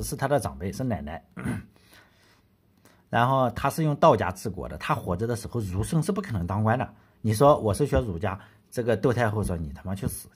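A man hosts a history podcast in a low voice with a husky, breathy grain. He tells the story in a loose, chatty way, keeps putting questions to the listener, and swears without a second thought. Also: a little mellow. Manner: colloquial, blunt, swears freely, asks the listener rhetorical questions. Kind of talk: casual storytelling lecture.

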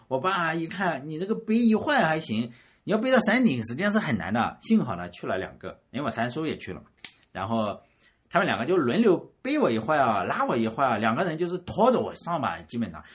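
Guy from rural shandong telling a story, bouncy pitch, kinda husky, repeats himself a lot. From Shandong, rural China. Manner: animated, repeats words, chuckles at himself. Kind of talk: casual personal storytelling.

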